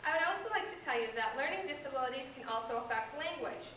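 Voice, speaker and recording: A young American woman with a high, lively voice reads quickly in a pushed, bright tone, playing a patient, supportive reading teacher in amateur reader's theater with an instructive, scripted delivery. The echoey indoor room, distant microphone and background hiss are all audible.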